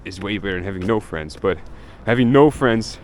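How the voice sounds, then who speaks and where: A travel vlogger from Belgium, young and Dutch-speaking by birth, chats casually outdoors on a city street and swears every so often. His lowish voice is expressive and brisk, backed by faint street noise.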